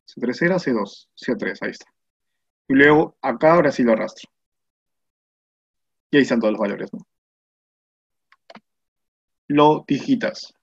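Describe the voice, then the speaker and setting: Male instructor, Peruvian Spanish accent, slightly husky voice, muffled lo-fi sound, patient tutorial delivery. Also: medium pitch, expressive, normal speed, long pauses. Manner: patient step-by-step explaining, asks "¿no?" and "mira" often. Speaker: spreadsheet instructor. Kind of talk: screen-recorded software tutorial. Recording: muffled lo-fi voice recording.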